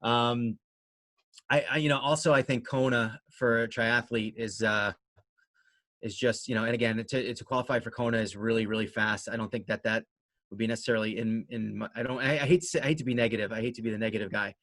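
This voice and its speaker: A man talks casually as an interview guest, at a middling pitch. He rambles along in a conversational way and is modest and self-deprecating about himself. The sound is dry, with little room in it. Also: steady tone, a little fast, a bit bright, no room sound. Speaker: interview guest, amateur runner and race organizer.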